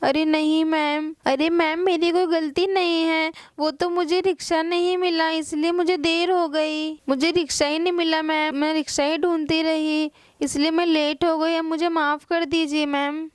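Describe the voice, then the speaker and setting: Woman doing a whiny little schoolgirl, pleading, high voice, doll play. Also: flat delivery, moderate pace, no echo, studio quality. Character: late little schoolgirl begging forgiveness.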